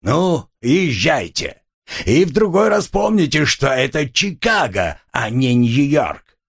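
A man's voice: medium pitch, big pitch swings, slow, vocal fry, breathy edge, voice pushed up, full character voice. A man doing a bellowing giant policeman. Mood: softening. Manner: loud, scolding, emphatic. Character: huge gruff male Chicago policeman, bellowing.

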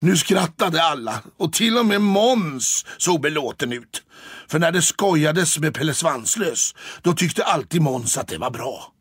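A man narrating an audiobook story in an animated, expressive way. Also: fairly high pitch, slightly rough, dry recording, clean studio sound.

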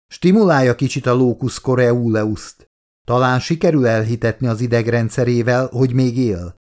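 A man voicing a calm, commanding woman scientist in audiobook dialogue, giving hushed orders. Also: mid-range voice, close to an everyday voice.

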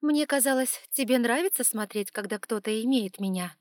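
A woman voicing an angry, tearful young heroine who shouts accusations in an audiobook. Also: a little high, normal speed, no echo, studio quality, pitched above the performer's own voice, lightly acted.

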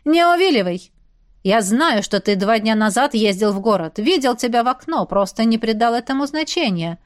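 A woman's voice: a little high, a little fast, dry recording, studio quality, close to an everyday voice. A woman voicing the stern eldest brother, a young man who questions his sibling in a commanding tone.

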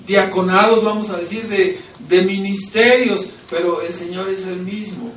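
Male Mexican pastor, emphatic sermon, rhetorical questions, roomy hall, mic at a distance, faint background hum. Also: high voice. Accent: Mexican Spanish. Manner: emphatic, rising to loud exhortation, asks and answers rhetorical questions.

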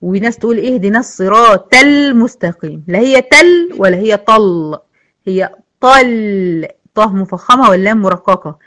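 A woman with an Egyptian accent teaching an online tajweed lesson, patiently repeating words and modelling slow recitation. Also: mid-range voice, lively intonation, fairly bright tone. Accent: Egyptian Arabic.

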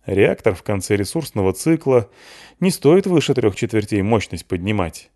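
A man voicing a cautious, blunt senior Soviet scientist who warns loudly. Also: lowish voice, big pitch swings, moderate pace, no echo, clean studio sound. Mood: blunt warning. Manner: loud, blunt, angry warnings.

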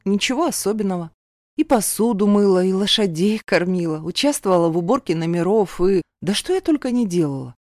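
Low-voiced woman narrating a story. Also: warm tone, no echo, clean studio sound. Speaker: audiobook narrator. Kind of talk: scripted first-person narration.

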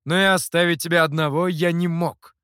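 A man voicing a calm, cunning male master and mentor in an audiobook, speaking in a dry, measured, wry way. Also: fairly high pitch, clean tone, no room sound, close to an everyday voice. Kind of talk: audiobook character voice.

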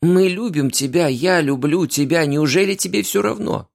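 A man voicing a heartbroken young woman who pleads tearfully and breaks into shrill outbursts. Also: normal speed, gravelly. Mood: desperate.

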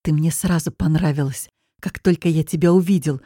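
A woman's voice: low-pitched, fairly quick, dark tone, no echo, studio quality. A woman voicing a drunk pushy young trainer. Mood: pleading. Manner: slurring, menacing, insistent.

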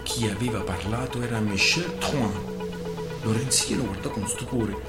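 A man's voice: fairly low pitch, normal speed. Man reading a novel with music. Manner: theatrical narration. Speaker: radio reader. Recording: roomy with music behind.

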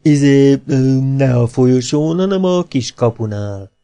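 Here a man reads for a playful, coquettish storybook actress, slowly savoring each word in a rich, slightly dark voice. His mid-range delivery is expressive yet natural, and faint music can be heard underneath.

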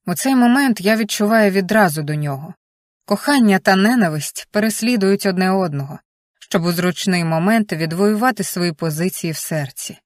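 A young adult woman narrating a romance audiobook with an expressive, emotional reading. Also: medium pitch, moderate pace, dry recording, studio quality. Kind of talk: scripted narration.

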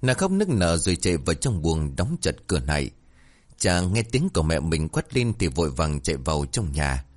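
A man narrating a dramatic ghost story in an expressive storytelling style. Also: low-pitched, normal speed.

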